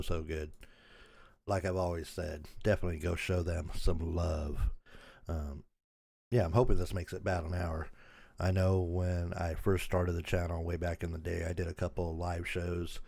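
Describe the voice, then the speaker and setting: An older man chats through a livestream in a deep, low voice with a gravelly crackle, still raspy from a sore throat. He rambles along in an easygoing way, and the sound is dry and close with no room echo. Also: darkish tone. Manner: rambling, easygoing, laughs at himself. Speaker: channel host. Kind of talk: casual livestream chat.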